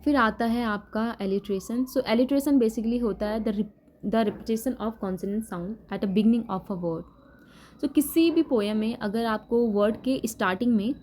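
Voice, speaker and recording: A woman's voice: a little high, a little mellow, a little hiss or hum. A woman explaining poetry terms in an exam-prep literature lesson, patiently mixing Hindi with English terms. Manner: repeats checks like "thik hai". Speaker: literature teacher.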